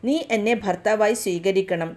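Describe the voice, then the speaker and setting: A woman's voice: mid-range voice, moderate pace, darkish tone, lightly acted. A woman reading the part of a young male demon prince, who speaks in a formal, courtly, pleading way. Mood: earnest.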